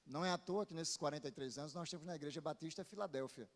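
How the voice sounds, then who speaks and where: Delivering a quick-paced sermon, this male preacher has a high voice and a northeastern Brazilian accent, being from Paraíba. A visiting Baptist pastor, he speaks informally and keeps seeking replies with brief tag questions, amplified from a church pulpit in a big hall whose long reverberation colors the recording.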